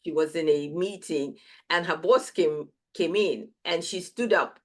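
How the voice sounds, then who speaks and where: A woman's voice: fairly low pitch, a little slow. A woman, interviewing a guest in a casual, conversational style as host.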